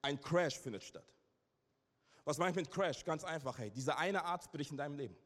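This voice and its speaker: A man in his thirties preaching a lively sermon to a live congregation, joking and asking them questions as he tells stories. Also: fairly high pitch, fairly quick. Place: church service before a live congregation. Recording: reverberant hall.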